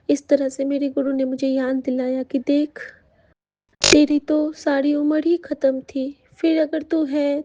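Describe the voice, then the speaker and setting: A woman giving a heartfelt devotional testimony to the congregation, hesitating often with soft fillers. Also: high voice, dry recording, highs cut off. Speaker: devotee sharing a satsang testimony. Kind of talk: devotional testimony, addressing the sangat.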